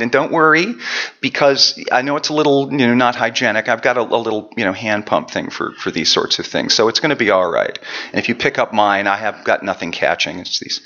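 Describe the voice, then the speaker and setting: Bright-voiced male preacher telling a story. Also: mid-range voice, highs cut off. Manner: storytelling, self-deprecating, chatty asides. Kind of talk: sermon with personal story. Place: church.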